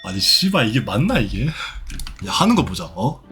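Young male streamer, sarcastic scold, lively pitch. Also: unhurried, faint music behind. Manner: scolding, sarcastic, swears when provoked. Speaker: Roblox streamer. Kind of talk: live gameplay commentary.

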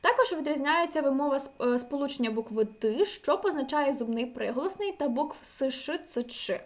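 A woman language teacher giving an online exam-prep lecture, energetic and often checking in with her students. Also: high voice, moderate pace.

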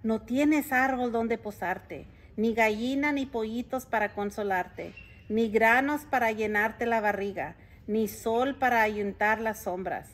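A woman voicing a grumpy, cranky male town mayor in a storybook reading, loud, scolding and exasperated. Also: on the high side, takes it slowly. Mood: pleading.

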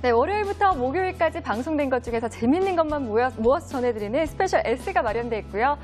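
A young woman speaks as a caster on live studio television. Her voice is high, and faint music plays behind her. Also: animated, fast. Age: young adult. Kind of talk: live TV presenting.

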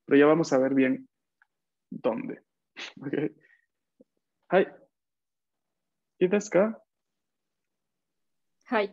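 A man's voice: on the high side, lively intonation, very slow, pauses often, a little mellow, dry recording, lo-fi sound. A man teaching a Japanese class online, patiently counting out strokes as he writes.

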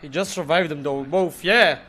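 A man streaming an online shooter game, excitedly talking to teammates and cursing at his mistakes. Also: fairly high pitch, normal speed. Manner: excitable, swearing, shouting at teammates. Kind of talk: live gaming commentary.

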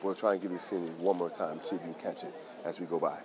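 A man hosting a casual street vlog outdoors, talking excitedly and in slang straight to his viewers. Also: deep voice, fast talker. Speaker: vlog host. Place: outdoors on busy town streets. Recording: busy street crowd and noise.

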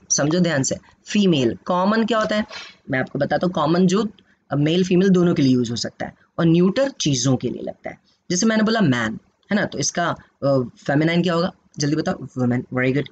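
An Indian man with an Indian accent teaches an English lesson in a lively, quizzing way. He switches between Hindi and English and keeps calling on his students. The sound is dull and lo-fi, with faint background noise. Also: a little high. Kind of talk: online class lecture.

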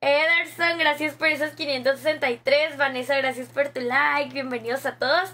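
A woman's voice: high-pitched, steady tone, normal speed, sharp tone. Chatty young Mexican woman streamer. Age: young adult. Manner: chatty, slangy, laughs often. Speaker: gaming streamer. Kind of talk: casual live-stream chat reading viewer comments.

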